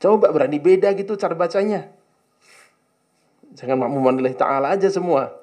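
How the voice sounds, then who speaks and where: A man's voice: on the high side, a little fast, a little mellow. A man teaching a classroom lesson on an Arabic religious text, translating it line by line and coaxing his students to answer his questions. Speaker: Islamic teacher.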